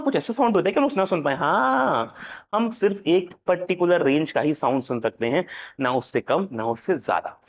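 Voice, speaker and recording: A man teaching a lesson, playful and jokey, switching between Hindi and English. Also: a little high. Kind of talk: animated classroom lecture. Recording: dull lo-fi sound.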